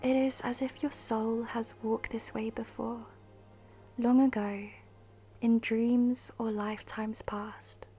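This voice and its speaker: A female meditation guide speaks in a mellow, breathy half-whisper at an even pitch. Her scripted delivery is soothing, with long pauses, and music plays in the background.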